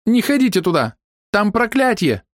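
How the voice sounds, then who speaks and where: A man voicing a shrill, squeaky young female thief who shouts indignantly from hiding in an audiobook. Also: big pitch swings, moderate pace, no echo, studio quality. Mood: scaremongering. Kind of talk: audiobook character voice.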